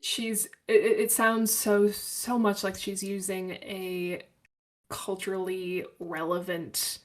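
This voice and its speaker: A woman's voice: medium pitch, little pitch movement, slow pace. A woman co-hosting a podcast in casual chat, blunt and emphatic. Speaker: podcast co-host.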